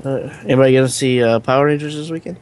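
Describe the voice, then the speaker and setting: A man's voice: mid-range voice, very fast, a little mellow. A man on a casual podcast with a dry, teasing sense of humor. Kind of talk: casual chat.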